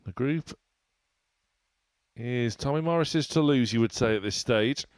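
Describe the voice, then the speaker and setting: A man's voice: mid-range voice, unhurried, no room sound. A man giving live darts commentary as the lead commentator, with polished, wordy phrasing.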